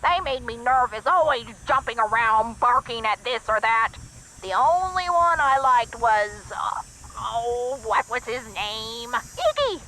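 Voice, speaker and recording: A woman's voice: fairly high pitch, a little slow, poor audio. An actress voicing a spunky, chatty old woman in a video game. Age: older. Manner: lively, reminiscing, a little fussy. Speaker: game character.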